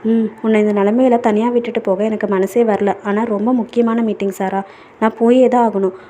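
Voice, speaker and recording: A woman's voice: fairly high pitch, steady tone, moderate pace, warm tone, slight background noise, lightly acted. A woman reading a story aloud, voicing a young man who is a caring, insistent boss in love. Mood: tender.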